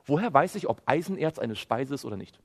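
Fairly quick and animated, a preacher with a mid-range voice rattles off rhetorical questions and answers them himself, weaving in quotes from scripture. His sermon rings with long hall reverb.

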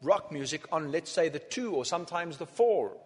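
Male lecturer, husky and a bit high, halting phrases for an interpreter; long hall echo. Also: lively intonation, a little mellow. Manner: speaks in short phrases, pausing for translation, counts beats aloud. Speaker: lecturer on music. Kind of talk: lecture given through an interpreter.

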